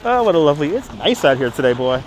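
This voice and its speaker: With a high-leaning voice, big swings in pitch, and a quick pace, a middle-aged man speaking in a Brooklyn accent walks through crowded Manhattan on a casual live stream. He's chatty and repetitive, reading and responding to viewers out loud over the street noise.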